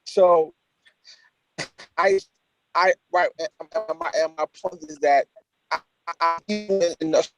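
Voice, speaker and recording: A man speaking in a committee meeting over a garbled, tinny remote connection, halting and restarting his words. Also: fairly high pitch, steady tone, a bit bright, soft background music. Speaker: committee member on a remote call. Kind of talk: meeting discussion.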